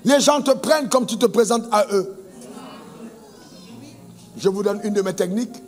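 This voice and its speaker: A man's voice: high voice, normal speed, long reverb tail, over music. A male pastor preaching a sermon, calling on the congregation to answer amen. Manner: preaching with call-and-response amen prompts.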